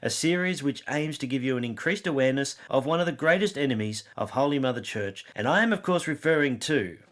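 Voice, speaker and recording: A man from Australia co-hosting a scripted podcast with a measured, emphatic delivery. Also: medium pitch, lively intonation, a bit bright. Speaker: podcast co-host. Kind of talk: scripted comedic podcast banter.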